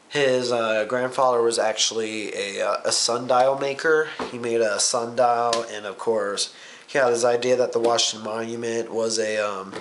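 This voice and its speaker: A man's voice: mid-range voice, fairly bright tone, slight background noise. Rambling young man vlogging. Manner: rambling, filler-heavy, swears casually. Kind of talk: casual recap vlog.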